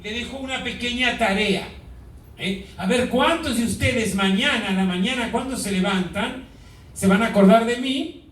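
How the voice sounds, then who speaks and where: A man's voice: very high voice, fairly bright tone. A man preaching a sermon as a priest, questioning the congregation and stretching out key words. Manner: asks the congregation questions, drawn-out emphasis. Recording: echoey hall, mic far off.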